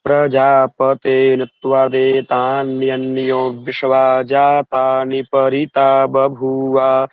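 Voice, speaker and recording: Slow, flat male student on a crackly phone line. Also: mid-range voice, clean tone, dry recording. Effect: thin, crackly phone-line sound. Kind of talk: online class, reciting verses. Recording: tinny dry phone-line call.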